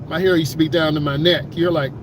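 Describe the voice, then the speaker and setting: A man's voice: a little high, steady tone, quick pace. A middle-aged American man talking casually as a driving instructor, with streetwise, emphatic, slangy storytelling. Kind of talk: casual chatty talk during a driving lesson. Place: inside a moving car. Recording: loud car and road noise.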